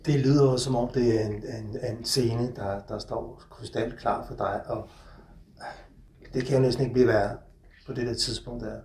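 A man interviewing an author, speaking calmly and hesitantly, with frequent murmured agreement. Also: medium pitch, echoey room, slight background noise. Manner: calm, hesitant, frequent backchannel mm. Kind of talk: interview conversation.

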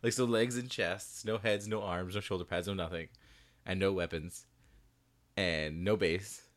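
Deep-voiced and steady in tone, a male podcast co-host keeps a measured pace. He chats casually and animatedly about a hobby, laughing frequently, while recording in a small bedroom behind a closed door.

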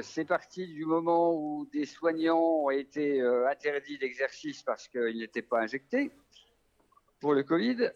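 A man with a Vosges French accent speaks as a country doctor in a casual interview. His voice sits a bit high for a man and comes through slightly dull and lo-fi. He talks in a relaxed, halting way, full of fillers and restarts. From Vosges, France. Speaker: rural family doctor.

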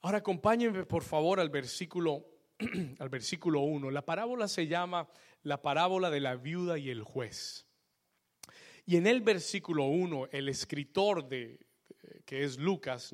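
A male pastor delivering a sermon, switching between Spanish and English phrase by phrase and building to loud exhortations. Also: sits high. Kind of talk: bilingual sermon.

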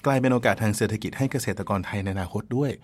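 A young man co-hosting an educational radio talk, explaining briskly with lots of polite fillers. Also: on the low side, husky. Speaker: co-host, independent scholar. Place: radio studio. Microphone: studio microphone.

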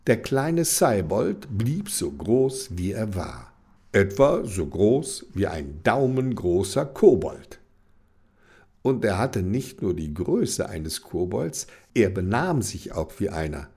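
A man reading a children's story aloud in a lively, expressive way. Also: lowish voice, slow, slightly rough.

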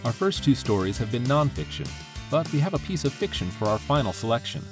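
A man hosting a story podcast, reading scripted introductions in a measured, announcer-like way. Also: medium pitch, very animated, music in the background. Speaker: podcast host.

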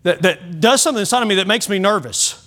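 A pastor with a notably high voice delivers a Sunday sermon in a church. He speaks earnestly and directly, and he often trips over a word and restarts it before pressing on. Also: animated, fast, pushed and bright. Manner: earnest preaching with repeated restarts.

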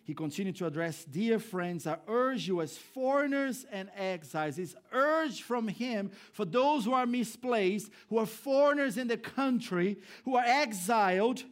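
Man, pastor, sermon, very high pitch, rises and drops to hushed lines. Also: lively intonation, unhurried, few pauses. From Brazil. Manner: preaching with swings between raised emphatic lines and low hushed ones. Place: church hall before a congregation.

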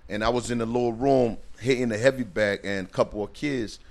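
A man's voice: medium pitch, a little fast, vocal fry. A man from Liberia, a personal trainer and bodybuilder, telling stories in a laid-back way with streetwise slang in a casual interview.

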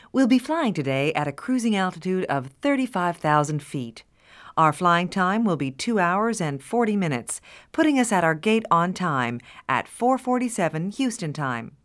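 A woman's voice: fairly low pitch, very animated, moderate pace. A woman playing a flight attendant giving a courteous, formal scripted cabin announcement. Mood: courteous, informative.

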